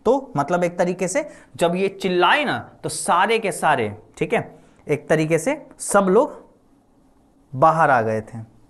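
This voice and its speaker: A man's voice: sits high, big pitch swings, slow pace, fairly bright tone. A male teacher explaining a story chapter in a casual lecture style, repeating lines often and acting out quotes. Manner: repeats lines with frequent "है ना" fillers, acts out quotes. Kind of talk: explaining a Hindi lesson.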